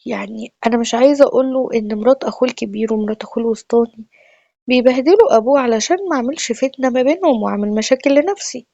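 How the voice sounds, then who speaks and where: A woman's voice: fairly high pitch, racing, gravelly, warm tone, no echo. A woman with an Egyptian Arabic accent telling a personal family story in a chatty, confiding, emotional way. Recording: dull lo-fi dry recording.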